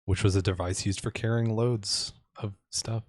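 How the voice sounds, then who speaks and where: A man's voice: on the low side, steady tone, moderate pace, a little mellow, dry recording. A man acting as game master of a tabletop game, with dry, joking asides.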